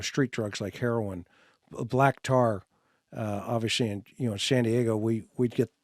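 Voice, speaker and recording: A man hosting an interview, asking questions in a halting way with frequent restarts. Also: fairly low pitch, a little mellow, no echo, studio quality. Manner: halting, with restarts and filler words. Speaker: host.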